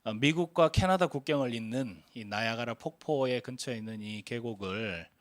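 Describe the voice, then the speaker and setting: A man's voice: medium pitch, moderate pace, dry recording. A man in his forties preaching a sermon as a pastor, telling stories earnestly with frequent hesitant fillers.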